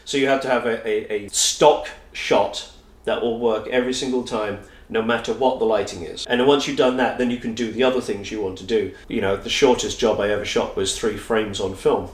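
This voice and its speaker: A man's voice: fairly low pitch, fairly even intonation, fairly quick, roomy sound, recorded from a distance. A British man, a photographer, telling stories in a casual interview, chatty and anecdotal with frequent restarts. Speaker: photographer guest.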